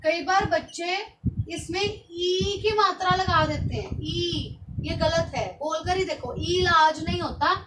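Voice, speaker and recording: A woman teaching Hindi synonyms to a child in an online class, slowly dictating word lists and stressing each word. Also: extremely high pitch, fairly bright tone, a little hiss or hum, low-quality recording.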